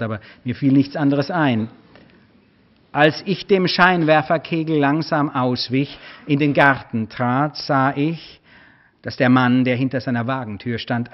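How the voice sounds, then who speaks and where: A man of medium pitch, an author, gives a measured, expressive reading of his own prose in a lecture. It was captured on a dull, lo-fi recording.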